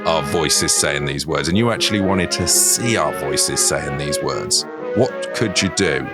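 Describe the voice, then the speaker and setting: A man's voice: extremely low pitch, expressive, a little slow, over loud music. A man co-hosting a comedy podcast, trading dry, wry quips. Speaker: podcast co-host. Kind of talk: casual comedic chat.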